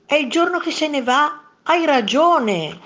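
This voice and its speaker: A woman voicing a grumpy, bickering monster in a children's story read aloud, yelling insults back in a raised voice. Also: on the low side, lively intonation, slow, gravelly, heavily acted. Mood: calm.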